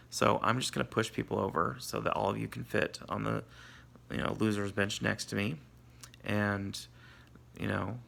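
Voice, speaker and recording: A man's voice: lowish voice, creaky, sharp tone. A man, groggy and sore after surgery, talking in a casual, candid video diary with salty, self-deprecating asides. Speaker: vlogger.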